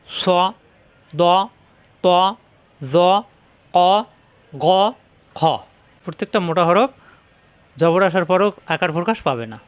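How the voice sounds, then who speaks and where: A man teaching Quran letter pronunciation, repeating each letter slowly and explaining where it is formed in the mouth. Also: fairly high pitch, no echo. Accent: Bangladeshi Bengali. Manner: slow, drawn-out letter sounds between instructions.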